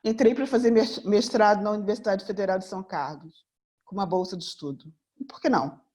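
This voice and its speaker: A woman's voice: mid-range voice, brisk, warm tone. Earnest Brazilian woman giving a seminar talk. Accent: Brazilian Portuguese. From Rio de Janeiro, Brazil. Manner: earnest, returns again and again to one rhetorical question. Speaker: mentor and therapist. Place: room before a live audience.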